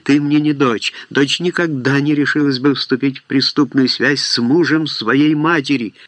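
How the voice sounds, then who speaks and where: A man reading aloud voices a proud older noblewoman who scolds her daughter with stern, scornful shouting. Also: medium pitch, steady tone, moderate pace, dry recording, pitched above the performer's own voice, natural voice. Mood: furious.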